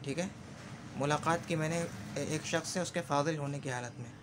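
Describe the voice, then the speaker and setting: A man's voice: a little high, moderate pace, noisy background. Man teaching grammar, repeating examples. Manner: repeats example phrases, checks understanding with "ठीक है". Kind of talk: explanatory lesson.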